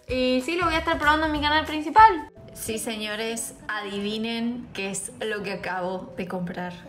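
A young woman with an Argentine Spanish accent, telling a story to her viewers in a casual, slangy and animated way. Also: a little high. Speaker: vlogger.

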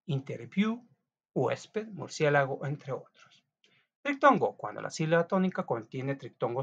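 A man's voice: medium pitch, fairly bright tone. A man teaching a class, reading out notes in a chatty way with frequent restarts and small asides. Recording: dull lo-fi recording.

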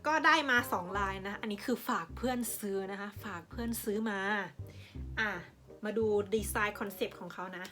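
A woman's voice: medium pitch, normal speed, bright, forceful tone, faint music behind. A woman giving a casual, playful product review as a vlogger. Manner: chatty and playful, sprinkles sweet sentence endings. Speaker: vlogger reviewing a Japanese drink.

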